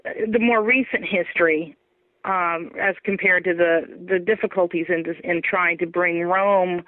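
A woman author telling her story in an animated, laughing way during an interview. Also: fairly low pitch, measured pace, no room sound. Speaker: author guest. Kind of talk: interview over phone. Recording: tinny phone line, dry.

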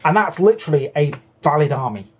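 A man's voice: on the high side, big pitch swings, fast talker, breathy edge, lo-fi sound. Man patiently explaining game rules. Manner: patient, explanatory, with frequent restarts. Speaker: co-host.

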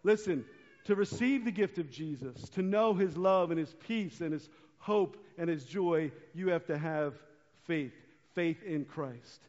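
A man's voice: fairly high pitch, measured pace, darkish tone. A man leading a children's sermon at a church service, upbeat and coaxing as he talks to the kids. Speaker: pastor. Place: church sanctuary. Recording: dull sound with long church reverb.

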